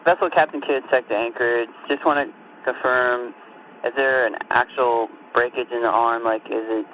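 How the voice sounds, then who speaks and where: A man's voice: medium pitch, steady tone, normal speed, highs cut off. A man working as a Coast Guard radio watchstander, speaking in formal, clipped radio protocol over a marine VHF radio. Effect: marine VHF radio transmission. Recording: static-laden marine radio.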